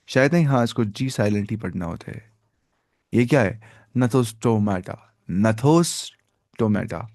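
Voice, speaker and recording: A man's voice: mid-range voice, darkish tone, no room sound, clean studio sound. Man teaching biology, questioning his class. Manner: asks the class questions and answers them himself; repeats key terms slowly, syllable by syllable. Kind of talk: live online lecture.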